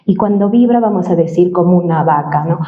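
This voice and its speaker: A woman's voice: fairly low pitch, fairly quick. A woman who works in voice-over and dubbing, explaining voice exercises in an interview and often ending points with a questioning tag. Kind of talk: interview, giving voice-training advice. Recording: roomy, slightly dull sound.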